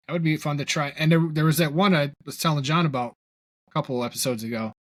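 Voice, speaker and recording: A man co-hosting a casual podcast chat, agreeable and trailing off quietly at the ends of thoughts. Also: a little high, fairly even intonation, quick pace, no echo. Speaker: podcast co-host.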